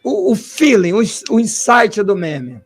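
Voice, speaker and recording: A man, a historian hosting an interview, asking long questions and thinking aloud in an animated way with rhetorical asides. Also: sits high, unhurried, vocal fry, husky, faint music behind. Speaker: host and historian.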